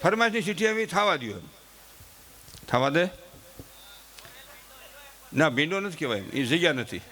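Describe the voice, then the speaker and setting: Here a middle-aged man's fairly high voice swings widely in pitch, moving a little slowly with a bright, forceful tone. On a live stage he delivers a folksy, chatty comedy monologue, addressing the crowd directly and voicing the family members he quotes.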